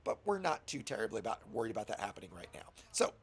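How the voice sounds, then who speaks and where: In a casual tutorial, a man whose voice is scratchy from a cold guides a new player through game setup step by step, patient and chatty as he addresses viewers. He speaks lowish and slightly rough, racing along with big pitch swings.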